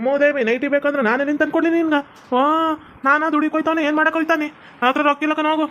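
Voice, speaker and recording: A woman's voice: high voice, little pitch movement, rapid-fire, a bit bright, muffled recording. Woman playing a whiny broke village husband. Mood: grumbling. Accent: North Karnataka Kannada. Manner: whiny pleading. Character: broke, pleading young village husband, male.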